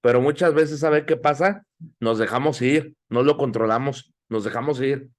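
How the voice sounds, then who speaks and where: A man's voice: mid-range voice, moderate pace. A middle-aged man teaching a Bible class in sermon style, exhorting listeners and asking them questions. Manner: exhorting, asks the audience questions.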